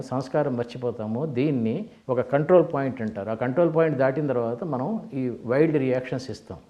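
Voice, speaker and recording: A man's voice: medium pitch, dull audio. Older man telling stories in a lecture. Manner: animated storytelling, acts out quoted characters, mixes in English phrases. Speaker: motivational speaker. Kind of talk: storytelling lecture.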